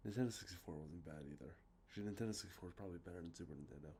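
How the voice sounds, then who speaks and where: A low-pitched man with a blocked, sniffly nose speaks very fast yet softly, presenting his video game collection for an ASMR audience. He rambles, says um and uh constantly, and keeps correcting himself. The recording is outdoors by traffic, with slight background noise.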